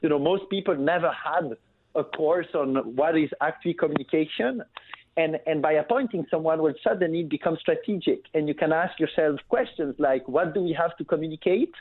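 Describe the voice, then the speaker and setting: This is a family business founder from Belgium, a man whose voice runs on the high side at a fairly quick pace. As a guest on a business talk show, he speaks by phone in an easygoing, fluent style packed with fillers, and the line is tinny with faint background noise.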